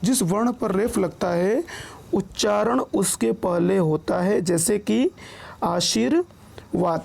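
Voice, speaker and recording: Male teacher, patient and repetitive, warm gravelly voice, keeps checking in with viewers. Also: high-pitched. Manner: patient, repeats each word and rule slowly; often checks in with listeners. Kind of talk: online grammar lesson.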